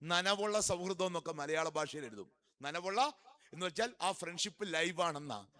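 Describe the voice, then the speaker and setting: A male priest preaching a sermon, quizzing the congregation with questions he answers himself, swinging between loud emphatic peaks and quiet low asides. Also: lively intonation, moderate pace.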